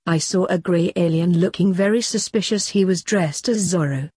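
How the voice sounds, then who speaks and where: A blunt, sarcastic teenage girl, read by a woman. The voice is husky and fairly low, and comes across offhand and unimpressed. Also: moderate pace, mellow, no echo, studio quality.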